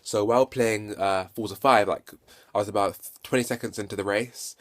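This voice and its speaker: A video game reviewer and vlogger with a fairly low voice and fairly even intonation gives a casual hands-on game review, speaking off the cuff into a handheld phone. Keen on the subject, he stutters now and then, repeats words, and corrects himself as he goes.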